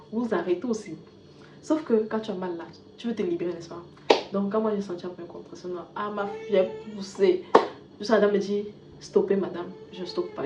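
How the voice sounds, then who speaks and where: Woman telling a lively story in an echoey room. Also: medium pitch. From Cameroon. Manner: animated retelling, with bursts of loudness and soft asides. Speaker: vlogger. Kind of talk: casual storytelling vlog. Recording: echoey room, dull lo-fi sound with faint hiss.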